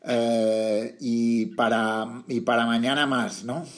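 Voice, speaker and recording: A man's voice: medium pitch, slow. A man hosting a podcast, interviewing guests in a casual way with frequent fillers. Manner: relaxed, many fillers. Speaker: podcast host.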